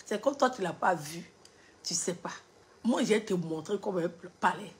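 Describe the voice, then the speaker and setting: A woman's voice: on the low side, animated, normal speed. A woman commenting casually on a live video, mocking and laughing often. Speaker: social media commentator.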